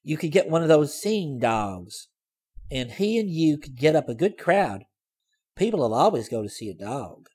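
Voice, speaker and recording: A man's voice: fairly high pitch, sing-song, a little slow, darkish tone, breathy edge, voice pushed up, exaggerated voice. A man reading a story voices a prying, persistent middle-aged landlady with a wheedling, badgering manner. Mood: coaxing.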